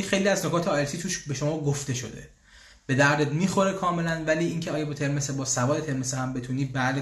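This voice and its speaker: A man hosting a casual live question-and-answer session for his language school, chatty, pausing often with fillers and restarts. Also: fairly high pitch, roomy sound. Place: room in Austria, church bells heard.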